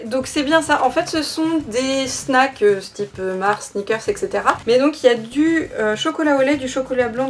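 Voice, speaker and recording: A woman hosting a casual unboxing vlog, chatty and enthusiastic, with frequent small fillers as she describes what she finds. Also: high voice. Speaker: vlogger unboxing collectibles.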